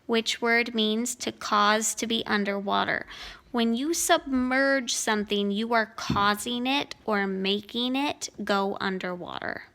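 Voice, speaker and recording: Slow, gravelly-voiced woman teaching grammar. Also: on the high side, a bit bright. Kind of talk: grammar lesson walkthrough. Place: home.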